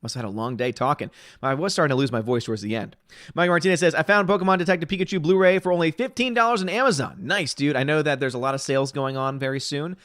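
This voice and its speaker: His voice a little high and fairly bright, a man in his 30s runs a casual livestream, reading comments from chat and weighing in with opinions and quick asides. He sounds a bit tired. The sound is clean studio audio without echo.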